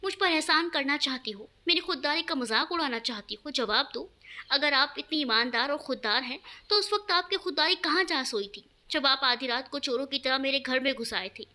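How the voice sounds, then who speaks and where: A woman's voice: high voice, lively intonation, moderate pace. A woman doing a hurt, defiant young bride. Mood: reproachful. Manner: sharp, reproachful.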